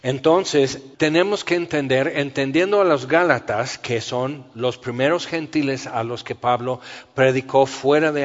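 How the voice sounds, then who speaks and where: A man preaching a conversational Bible study sermon, often asking the listeners rhetorical questions. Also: mid-range voice. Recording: dull reverberant hall sound.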